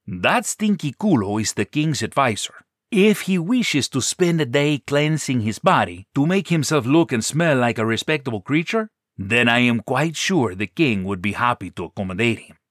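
A man voicing a gruff male minotaur who is a cursed prince, blunt and mock-polite. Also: medium pitch, very animated, moderate pace, a bit bright, dry recording, clean studio sound.

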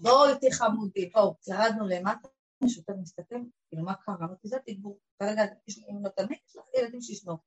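A woman's voice: slightly rough, low-quality recording. A woman, telling an emotional personal story to a group and acting out the people in it. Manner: emotional, acts out quoted voices, lively swings of pitch and loudness.

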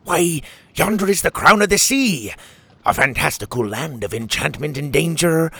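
A man voicing a boastful male pelican pirate captain with swaggering pirate talk and drawn-out words. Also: on the high side, lively intonation, gravelly, bright, forceful tone, slightly rough, no echo, pitched above the performer's own voice, full character voice.

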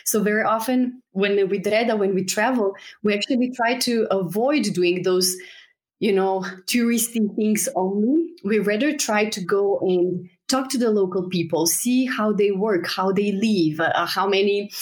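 A young woman from Slovenia speaks in a relaxed podcast interview, thinking aloud and filling pauses with "you know". Her voice sits at a middle pitch. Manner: thoughtful, reflective, frequent "you know" fillers. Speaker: guest, travel startup co-founder. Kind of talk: casual interview conversation.

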